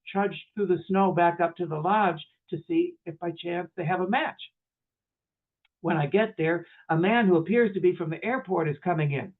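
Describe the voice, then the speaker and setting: A middle-aged man, a chaplain, telling a personal story in a workshop talk and acting out the voices of the people in it. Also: sits high. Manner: animated, acts out dialogue in first person. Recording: tinny phone-like audio.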